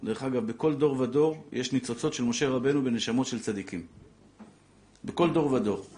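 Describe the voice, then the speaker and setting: A middle-aged man teaching a religious lesson, telling stories with feeling and acting out the quotes. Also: medium pitch. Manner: animated storyteller, acts out quotes, grows emotional. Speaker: rabbi teaching a Torah class. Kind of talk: emotional religious lesson with storytelling.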